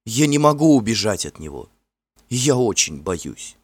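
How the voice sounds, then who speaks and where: A man voicing a gentle, frightened young fairy woman who speaks softly and imploringly in a storybook reading. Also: fairly low pitch, very animated, measured pace, slightly rough, dry recording, pitched above the performer's own voice, full character voice. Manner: soft, tremulous and imploring.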